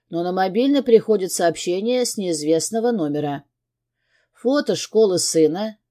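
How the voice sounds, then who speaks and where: A woman reading a first-person novel aloud in a tense, dramatic manner. Her voice is mellow and soft, pitched in a middle range. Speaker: audiobook narrator.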